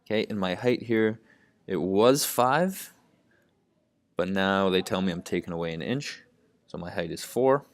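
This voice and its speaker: A man with a low, deep voice tutors math, working problems out loud step by step. He leans on "okay" as a constant verbal tic. The sound is close and dry, with no room around it. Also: expressive, a little slow, long pauses, no echo. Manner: says "okay" constantly, thinks aloud step by step. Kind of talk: lesson narration while writing.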